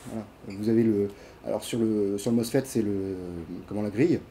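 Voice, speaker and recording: A man's voice: lowish voice, steady tone, a little fast, mellow, slight background noise. A man giving a casual classroom lecture, with many fillers, restarts and questions to his students. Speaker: university lecturer. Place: lecture hall.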